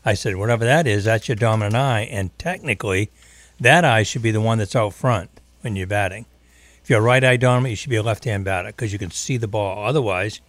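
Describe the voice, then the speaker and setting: A middle-aged or older man co-hosting a radio show, telling casual anecdotes and bantering. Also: lowish voice. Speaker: radio co-host. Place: dry radio studio.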